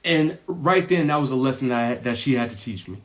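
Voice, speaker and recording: A man's voice: mid-range voice, brisk, fairly bright tone. Earnest man telling a motivational story. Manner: earnest, repeats points and tags lines with "right?". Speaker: podcast host.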